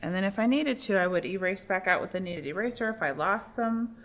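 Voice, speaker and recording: A woman's voice: mid-range voice, brisk, a bit bright. A young adult woman giving a casual drawing demonstration, explaining each step as she works, with many fillers. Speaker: art teacher. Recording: muffled lo-fi audio, faint room noise.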